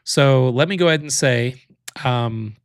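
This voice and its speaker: A man's voice: mid-range voice, unhurried, smooth, dry recording, studio quality. A man hosting a casual livestream, thinking aloud as he clicks through a tool, with loose fillers and restarts. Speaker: livestream host demoing software.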